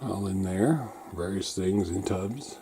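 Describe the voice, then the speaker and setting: A man giving a casual walk-through of his hobby workshop, pointing things out item by item in short, unhurried phrases. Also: low voice, warm tone. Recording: clearly noisy amateur room recording with clicks.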